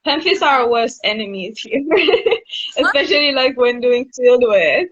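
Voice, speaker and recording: A giggly woman with a high voice tells stories with excitement in a casual live chat. The audio is dull and lo-fi. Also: measured pace. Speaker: research station staff member.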